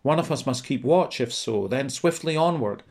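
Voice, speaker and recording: A man's voice: mid-range voice, animated, normal speed, a little mellow. A wary soldier companion, guarded and urgent in his warnings, as a narrator puts him on. He presses his points with caution and haste. The feel is of a storybook read aloud.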